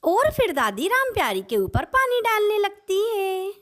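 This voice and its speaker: Bright high-voiced woman narrator. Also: wildly swooping pitch, a little slow. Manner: simple, plain storytelling. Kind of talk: storybook narration.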